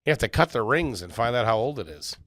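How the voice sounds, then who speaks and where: A man's voice: medium pitch, big pitch swings, quick pace, a bit bright, no echo. A man co-hosting a comedy podcast, arguing his point insistently in casual banter. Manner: argumentative and insistent. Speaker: podcast co-host.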